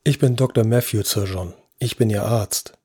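Man doing a patient doctor voice, soft and soothing, low husky tone. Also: moderate pace, no room sound, studio quality. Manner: soft-spoken, reassuring. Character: calm, patient male neurosurgeon. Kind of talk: audio drama acting.

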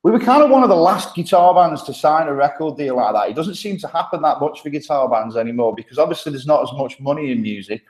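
Fast and barely pausing, a man with a slightly high, lively voice chats as a podcast guest; he's an agency partnership manager from Stoke-on-Trent with a thick Midlands accent. The sound is a bit mellow and reverberant. His talk is loose and casual, full of laughter, ums and restarts.

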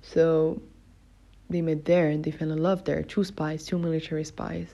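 A young adult Moroccan woman hosts a solo podcast in a low, creaky, mellow voice with little pitch movement and a normal pace. She chats casually, full of fillers and self-corrections, on a dull lo-fi recording.

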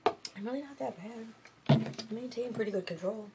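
Heavy background noise and music accompany a young vlogger from Michigan in a relaxed late-night chat. Her voice is a little high and at normal speed, and she rambles and swears with lots of fillers.

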